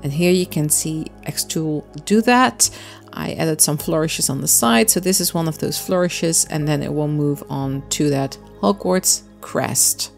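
A woman's voice: sits low, measured pace, creaky, faint music behind. A woman hosting a crafting vlog, explaining her miniature build step by step in a friendly, chatty voice-over. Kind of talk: casual voice-over narration.

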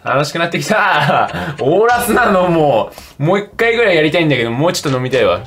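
A young man with a fairly high, wildly animated voice chats casually on a game livestream. He sounds tipsy, rambling along in loose slang between bits of play commentary. Faint music plays behind him. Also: fast.

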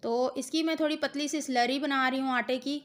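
A woman's voice: high voice, fairly even intonation, moderate pace. Patient woman narrating a home recipe. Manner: patient, instructive, addresses viewer directly. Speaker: cooking channel host. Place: home kitchen.

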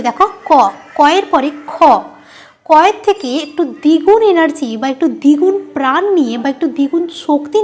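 A woman teacher talks through an online grammar lesson. She is patient and repeats each point, often asking a short question and then answering it herself. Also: very high-pitched. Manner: patient, explains by repeating and quizzing the listener.

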